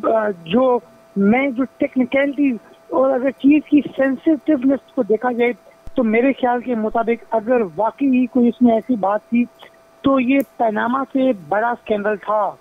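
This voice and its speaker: A man, a senior advocate giving legal analysis over the phone, deliberate and dropping English legal terms into his speech. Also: extremely high pitch. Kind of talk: phone-in interview. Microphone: telephone. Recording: tinny phone line.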